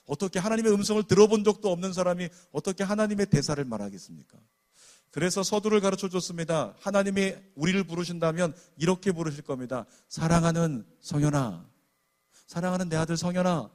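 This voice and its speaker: A pastor delivering a sermon in a voice set a little high for a man. He speaks earnestly and keeps calling out to his listeners. His storytelling moves between hushed stretches and raised, emphatic ones. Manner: earnest, often addresses the congregation directly; tells a story at length, shifting between hushed and raised passages.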